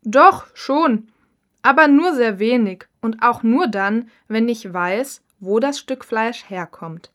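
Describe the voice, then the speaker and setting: For a scripted listening test, a woman voices a cookbook author being interviewed. She sounds fairly high-pitched and keeps her reading calm and measured.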